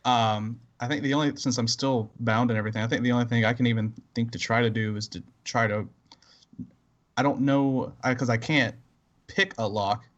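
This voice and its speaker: A man's voice: mid-range voice, fairly even intonation, brisk. A man playing a tabletop game, unsure and laughing often. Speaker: player. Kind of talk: casual tabletop play. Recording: dull lo-fi mic.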